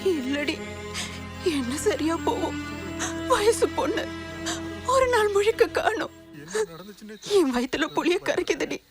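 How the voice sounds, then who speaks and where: Frantic mother, high-pitched and pleading, music underscoring. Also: expressive, takes it slowly, pauses often, heavily acted. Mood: anxious pleading. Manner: anxious and pleading. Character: frantic mother of a missing daughter. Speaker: worried mother of a missing girl. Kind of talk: film drama acting. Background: film score music.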